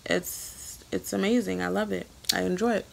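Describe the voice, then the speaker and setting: A woman's voice: medium pitch, fairly even intonation, normal speed, vocal fry. A young woman talking candidly and chattily to her viewers in a casual vlog, filmed on a handheld phone. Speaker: vlogger. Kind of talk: casual vlog talk to camera. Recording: heavy background noise.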